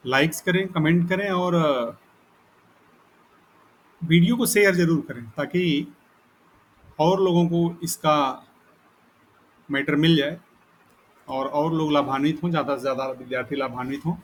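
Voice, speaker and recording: A man teaching a recorded lesson, explaining step by step and repeating points, reading definitions aloud slowly. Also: on the high side. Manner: explains slowly in Hindi, reads English definitions aloud haltingly with pauses. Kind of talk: recorded lecture.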